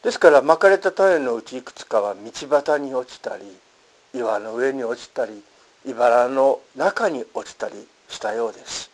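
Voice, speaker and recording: Lively, emphatic male preacher. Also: normal speed, poor audio. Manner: earnest, emphatic preaching with lively pitch swings. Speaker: pastor. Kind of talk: sermon.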